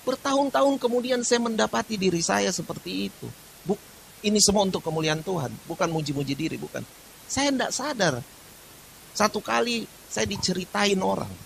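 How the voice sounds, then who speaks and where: A man preaching a sermon, telling stories with lively shifts. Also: sits high, gravelly, slight background noise, rough recording. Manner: lively storytelling, sings worship lines slowly. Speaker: pastor.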